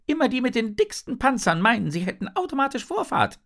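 A small, quarrelsome flute fish squeaks and shrills in a high, jumpy voice. The fish is indignant and scolding. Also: male voice, sing-song, a little fast, creaky, fairly bright tone, heavily acted.

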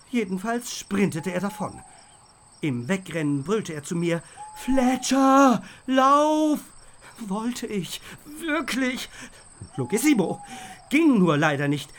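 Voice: mid-range voice, slight background noise. A narrator reading a children's audiobook in the first person, playful, with comic asides.

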